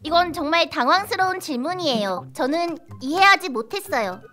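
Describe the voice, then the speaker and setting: A woman's voice: very high voice, animated, normal speed, bright, forceful tone, soft background music. A woman virtual streamer with a cute anime-streamer delivery, playful and polite as she gives a casual interview in an AI persona.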